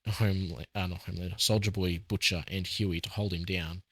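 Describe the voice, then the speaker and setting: A man's voice: low-pitched, steady tone, brisk, a bit bright, husky, dry recording. A man co-hosting a casual chat, talkative and hedging, now and then acting out quotes. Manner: chatty, hedging, acts out quotes from scenes. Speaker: podcast co-host.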